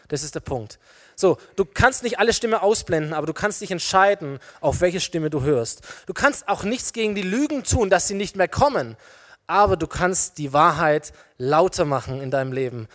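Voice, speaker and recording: A man preaching a lively sermon, talking directly to his listeners and illustrating his points with everyday examples. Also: on the high side. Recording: long reverb of a large hall.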